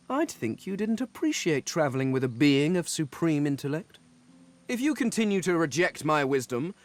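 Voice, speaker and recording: High, haughty otherworldly scholar. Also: male voice. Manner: pompous, formal, precise. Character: haughty, pedantic non-human scholar of supreme intellect. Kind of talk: video game voice acting.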